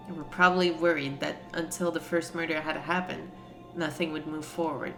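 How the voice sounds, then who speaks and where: A woman voicing a stoic, honorable female martial artist from a video game, grave, measured and formal. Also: low voice, voice pushed down. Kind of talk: video game character read-aloud.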